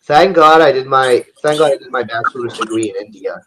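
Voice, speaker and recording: A young man in his twenties speaks at a middle pitch, blunt and crude, trailing off and restarting as he goes. A steady hiss sits under his voice all the way through. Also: brisk. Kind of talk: casual group chat. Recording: noisy recording with audible hiss.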